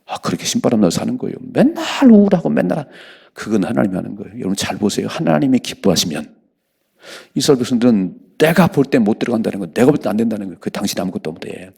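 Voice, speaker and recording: Gravelly, husky male pastor preaching. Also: lowish voice, expressive, racing, darkish tone. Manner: exhorting, calls for amens. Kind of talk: early-morning sermon. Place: church sanctuary.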